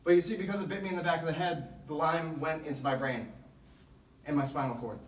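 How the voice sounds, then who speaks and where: A man with a slightly high voice delivers a motivational speech to a sports team. He tells his story earnestly and deliberately, stressing key phrases. The sound is very roomy, with the microphone some distance away. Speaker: motivational speaker. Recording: echoey room, distant microphone.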